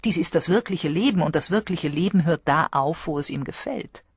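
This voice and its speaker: A woman voicing a calm, distinguished older gentleman who speaks measured and composed in an audiobook. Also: sits low, slightly rough, no room sound, clean studio sound.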